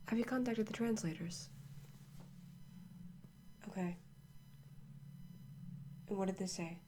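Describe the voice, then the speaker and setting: Woman as a monotone archaeologist, ASMR role-play, noisy recording. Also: medium pitch, close to an everyday voice. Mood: absorbed, hushed. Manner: monotone, hushed, measured. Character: woman archaeologist, calm and absorbed, examining a mysterious artifact. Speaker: ASMR performer. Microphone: close microphone. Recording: clearly noisy close-mic recording.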